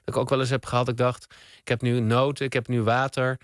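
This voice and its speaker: Speaking quickly in a mid-range voice, a man who is a spoken word artist meanders through a story as a radio interview guest, leaning on lots of fillers. He's at a studio mic, and the recording is dry.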